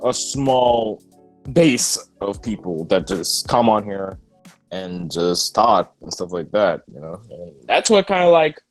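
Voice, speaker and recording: A young man streaming in casual solo chat, tired and rambling with lots of fillers and swearing. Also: deep voice. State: tired, just woke up.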